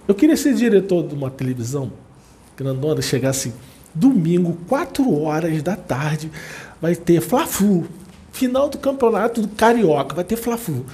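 A man's voice: a little high, moderate pace. A man with a Brazilian accent giving a chatty, casual talk to an audience, repeating words for emphasis. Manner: chatty, repetitive, animated asides.

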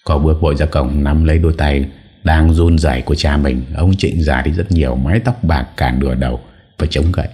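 A man reading a story aloud as an audiobook narrator, with calm, even storytelling. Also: extremely low pitch, a little fast.

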